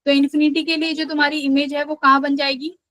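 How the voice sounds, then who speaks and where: A woman's voice: high-pitched, flat delivery, fast, a bit bright, no room sound, rough recording. A young adult woman teaching physics in a live online class, explaining patiently and often checking that the students follow.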